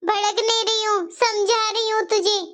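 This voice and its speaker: A stern but fair mother-in-law in a cartoon story, voiced by a woman, lecturing her daughters-in-law. The voice sits very high and sounds bright and sharp. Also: level tone, moderate pace. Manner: scolding, lecturing.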